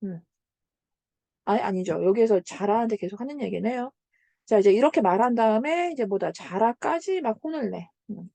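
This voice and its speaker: Mellow higher-voiced woman teaching literature. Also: animated, moderate pace, vocal fry, no echo. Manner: explains by paraphrasing the text, with many "자" and "음" fillers; asks students to confirm understanding. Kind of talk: lecture on a literary passage.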